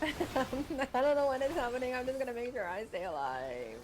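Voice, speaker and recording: A woman streaming an online game, chatting casually with a co-player, excitable and giggly with plenty of swearing. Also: high voice, moderate pace. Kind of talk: casual live gameplay chat. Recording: noisy stream audio.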